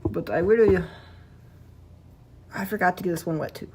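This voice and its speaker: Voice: mid-range voice, moderate pace, breathy edge. A streamer chatting casually while painting, rambling and talking to themself about the work. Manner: rambling, self-talk while working.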